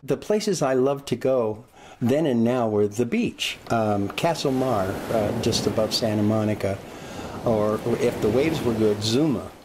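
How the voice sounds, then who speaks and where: A man's voice: medium pitch, a little slow, a little mellow, slight background noise. A man in his sixties from California, fondly telling stories of his childhood in a documentary interview. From Glendale, California. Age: 60s.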